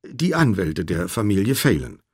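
Ein nervöser, schwitzender Zeuge, von einem Mann gesprochen, der zögernd und ausweichend antwortet, mit lebhaft schwankender Stimmführung. Knappe, gepresste Antworten unter Druck. Trocken und nah aufgenommen. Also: male voice, low-pitched, big pitch swings, moderate pace, a little mellow, slightly rough, no room sound, studio quality, heavily acted. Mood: evasive. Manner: hesitant, evasive. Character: nervous male witness, evasive and sweating.

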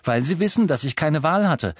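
A man's voice: fairly high pitch, expressive, moderate pace, husky, no room sound, clean studio sound, pitched above the performer's own voice. A man voicing a bitter, earnest teenage boy wizard in an audiobook. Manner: earnest, sarcastic.

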